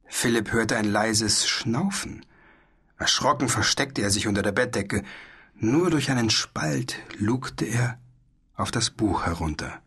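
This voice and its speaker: A man narrating a children's story aloud in a measured, expressive way. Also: lowish voice, husky. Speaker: audiobook narrator.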